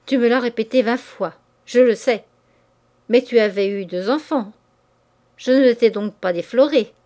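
A sharp, scornful young man snaps out his words with rough impatience, voiced by a woman reading a novel aloud. The voice sits somewhat high, and the telling is steady storybook narration. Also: moderate pace, natural voice. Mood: harsh.

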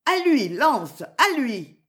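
A woman's voice: sits high, sing-song, normal speed, voice pushed up. A woman reading aloud voices a proud, frightened young woman who speaks imperiously and then pleads. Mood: commanding.

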